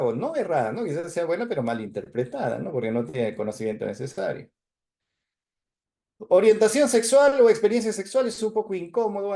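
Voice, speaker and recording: A man's voice: a little high, warm tone. A man lecturing medical students in a university class, explaining step by step with many tag questions and fillers.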